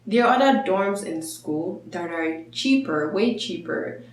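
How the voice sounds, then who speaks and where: A young woman from Nigeria talks through practical student advice in a chatty, upbeat vlog. Her voice sits a little low for a woman. It is recorded on a camera mic in an echoey room. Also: slight background noise. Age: young adult. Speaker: vlogger, international student.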